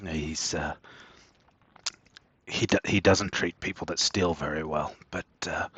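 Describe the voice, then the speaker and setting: Hushed goblin commoner played by the game master, low and bright-toned, secretive. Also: male voice, fairly even intonation, a little slow, slightly rough, dry recording, exaggerated voice. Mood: worried. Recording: dull lo-fi dry mic.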